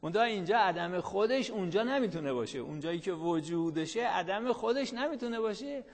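A man's voice: high-pitched, expressive, in a large hall. A man teaching a class who reads a line of the text, then explains it in everyday speech, often asking the students questions and answering them himself. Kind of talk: classroom lecture.

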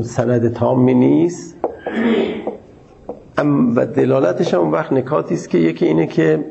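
Gravelly male seminary lecturer. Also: medium pitch, dark tone, dull audio, slight background noise. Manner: formal, measured, pauses to search for words. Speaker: teacher of Islamic jurisprudence.

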